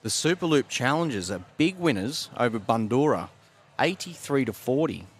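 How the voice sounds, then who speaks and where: A man doing relaxed, conversational live commentary on a sports broadcast. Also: mid-range voice, normal speed.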